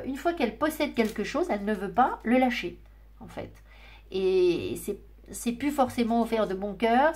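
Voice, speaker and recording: A woman's voice: fairly high pitch, darkish tone. A woman giving a tarot and oracle card reading, musing aloud in a chatty way with many fillers and restarts. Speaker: tarot reader. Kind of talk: casual spiritual card reading.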